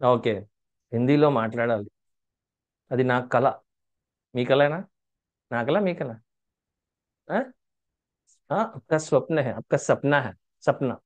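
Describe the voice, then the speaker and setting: A man teaching a spoken Hindi lesson online. He repeats phrases slowly in drills, quizzes his learners and teases them in chatty asides. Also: medium pitch, dull audio.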